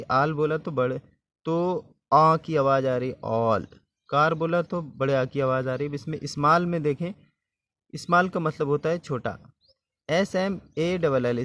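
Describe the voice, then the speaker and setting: A man's voice: a little high, a bit bright. A man teaching English vowel sounds, spelling words out letter by letter and repeating them.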